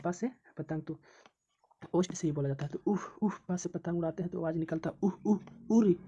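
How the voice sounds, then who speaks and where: A woman's voice: low voice, dark tone, dull audio, a little hiss or hum. Woman teaching, drilling syllables aloud. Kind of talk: exam coaching lesson.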